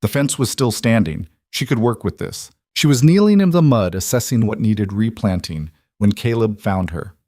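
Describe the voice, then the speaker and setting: Low-voiced man narrating a story. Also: no echo, clean studio sound. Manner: measured, even storytelling. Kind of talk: scripted narration.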